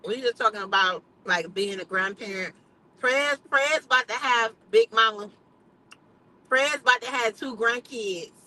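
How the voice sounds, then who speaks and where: Blunt, bright-voiced woman vlogger. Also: on the high side, a little slow, poor audio. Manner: blunt, emphatic, swears freely. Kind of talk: casual livestream chat.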